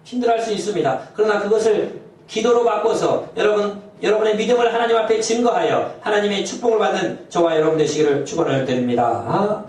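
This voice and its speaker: A man's voice: high voice, fast talker, a little mellow. A male pastor preaching a sermon with fervent exhortation, often adding a short affirming "yes" between phrases. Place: church sanctuary. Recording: very echoey church hall, voice from far off.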